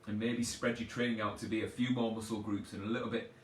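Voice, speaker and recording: A man's voice: fairly low pitch, level tone, fast. A man working as a personal trainer, giving rambling, chatty advice in a casual live Q&A from his sofa. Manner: rambling, chatty and self-deprecating. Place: at home on a sofa. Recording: echoey room, distant from mic, faint background noise.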